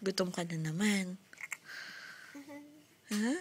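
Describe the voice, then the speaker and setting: A woman's voice: mid-range voice, fairly even intonation, takes it slowly, slight background noise. A young woman, a mother, chatting and teasing her baby in playful sing-song baby talk at home.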